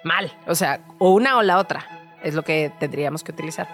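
A woman's voice: deep voice, a little fast, fairly bright tone, soft background music. Woman explaining grammar on radio. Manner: explanatory, patient, with frequent fillers like "o sea" and "ajá". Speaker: Spanish language expert guest. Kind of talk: radio talk show explanation. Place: radio studio.

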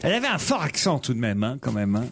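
A man's voice: medium pitch, big pitch swings, fast talker, gravelly, a crowd in the background. A man hosting a radio show, asking quiz questions and teasing his guests. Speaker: radio host.

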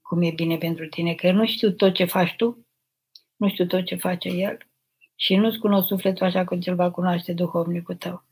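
An older woman, an abbess, reading out viewers' questions and answering them in a gentle, motherly, unhurried way during a live spiritual question session. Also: lowish voice, steady tone, slightly rough. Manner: gentle, motherly, unhurried, addresses listeners tenderly. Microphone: live stream microphone.

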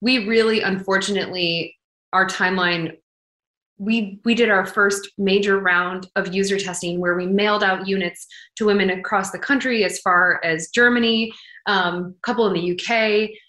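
A woman's voice: mid-range voice, steady tone, normal speed, pushed and bright. A woman with a mid-range voice speaks as a startup founder in a conversational interview. Her talk is candid and thick with tech-business jargon. The sound is noticeably roomy and echoing.

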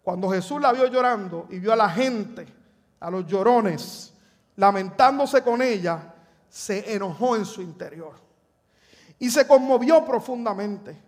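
A man's voice: high-pitched, animated, measured pace. A Puerto Rican man preaching a sermon to his congregation, telling the story dramatically and joking with the church. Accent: Puerto Rican Spanish. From Puerto Rico. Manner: dramatic storytelling, acts out scripture and jokes with the congregation. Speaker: pastor. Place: church sanctuary.

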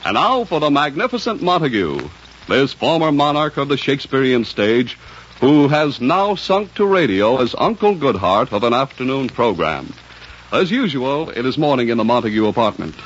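A man's voice: medium pitch, sing-song, moderate pace, husky, lo-fi sound. A man announcing a 1950s radio comedy show in a formal, showy manner, heard as an old radio broadcast. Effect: old radio broadcast sound.

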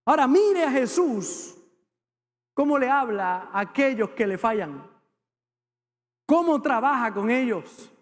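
A man preaches from the pulpit, his voice set very high for a man. His words ring out with a long church-hall reverb. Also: very animated, takes it slowly, pauses often. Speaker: pastor. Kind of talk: sermon. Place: church sanctuary with congregation.

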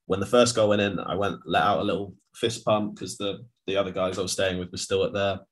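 A man's voice: low-pitched, steady tone, a little fast. A man co-hosting a podcast, chatting casually about football, rambling with lots of restarts and fillers. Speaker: podcast co-host.

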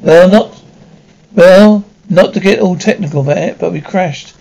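High-voiced man acting out stumbling military drama characters. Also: normal speed, creaky, warm tone, low-quality recording. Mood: argumentative.

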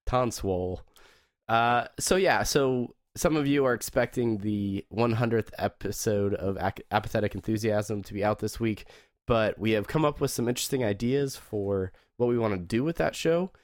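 A sick, hoarse man co-hosting a podcast over a video call, joking at his own expense. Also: lowish voice, moderate pace, few pauses, no echo, clean studio sound. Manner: self-mocking, laughs often. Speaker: podcast co-host. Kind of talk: casual chat.

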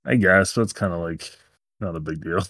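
A man's voice: low voice, fairly quick, a bit bright, no echo. A young man co-hosting a podcast, joking around and laughing often in a casual, profane movie chat. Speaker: podcast co-host.

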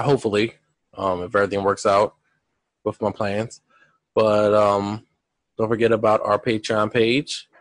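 A man's voice: fairly low pitch, dry recording. A man in his thirties co-hosting a podcast, speaking in a laid-back, hesitant way with many ums as he wraps up the show. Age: 30s. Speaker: podcast co-host. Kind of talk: casual chat.

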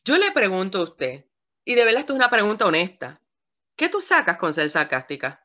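A woman's voice: medium pitch, brisk. A woman pastor preaching a sermon to women, asking her listeners questions as she goes. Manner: lively preaching, asks the audience questions. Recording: dull lo-fi recording.

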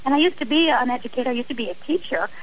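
A domestic violence advocate, a middle-aged woman, is interviewed on the radio, her high, expressive voice coming in rapid-fire bursts. She makes long, emphatic, earnest appeals, and the hissy recording is rough.

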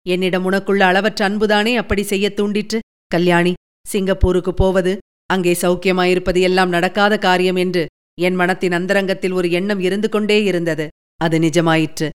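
A woman reading the part of a dying young male outlaw, gentle and resigned, in a faint, tender voice. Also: lowish voice, level tone, moderate pace, clean tone, pitched below the performer's own voice, lightly acted.

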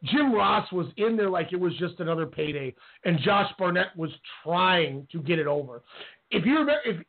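A man's voice: sits high, expressive, moderate pace, creaky. Ranting man on a tinny phone line. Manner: heated, ranting. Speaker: podcast co-host. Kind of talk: casual wrestling talk. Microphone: call-in radio line.

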